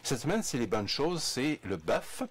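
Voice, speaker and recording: A man's voice: mid-range voice, big pitch swings, unhurried, breathy edge. A man hosting a radio show in a studio, chatty and joking. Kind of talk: casual studio chat.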